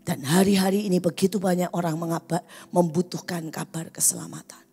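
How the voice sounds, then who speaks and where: A woman's voice: on the low side, steady tone, fairly quick, slightly rough. Impassioned woman preacher in a reverberant hall. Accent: Indonesian. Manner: impassioned preaching, swinging from loud cries to hushed whispers. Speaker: pastor. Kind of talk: sermon. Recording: long hall reverb with music behind.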